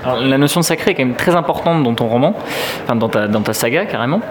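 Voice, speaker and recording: A man's voice: mid-range voice, animated, fast. A man interviewing an author, asking long, casual questions with frequent hesitations. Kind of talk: conversational interview. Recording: clear background noise.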